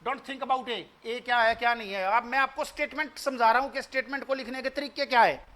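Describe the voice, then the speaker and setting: High, bright-voiced Indian math teacher. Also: male voice, steady tone, fairly quick. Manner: explains patiently, repeats points, coaxes students with questions; switches freely between Hindi and English. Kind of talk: online demo math lecture.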